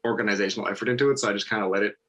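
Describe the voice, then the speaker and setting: A man's voice: fairly low pitch, very fast, a bit bright, slight background noise. A man, chatting casually in a hesitant, understated way as an interview guest. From Nova Scotia, Canada. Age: early 20s. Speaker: stem cell donor, interview guest. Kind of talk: casual conversation.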